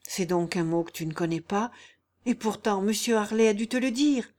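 A woman's voice: medium pitch, normal speed, darkish tone, natural voice. Brief: woman reading an anguished young baron, impassioned and reproachful, storybook audiobook. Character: pale, feverish young male baron, lovesick and anguished.

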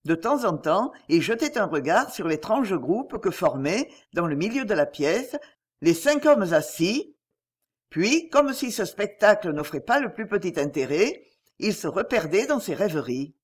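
A dramatic audiobook narrator reads a detective novel with expressive storytelling. The voice sits mid-pitch and moves in a lively way through its range. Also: a little slow, husky. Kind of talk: scripted narration of a crime novel.

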